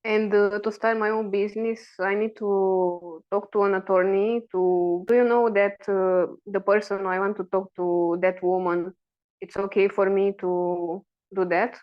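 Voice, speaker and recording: A woman asking personal questions as a client in a guidance session, halting and searching for words. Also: mid-range voice, flat delivery, dull audio.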